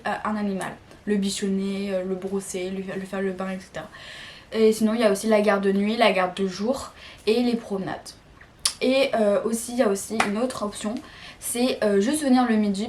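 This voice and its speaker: A seventeen-year-old girl with a French accent talking casually to camera, chatty and giggly, full of fillers and restarts. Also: mid-range voice. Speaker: vlogger.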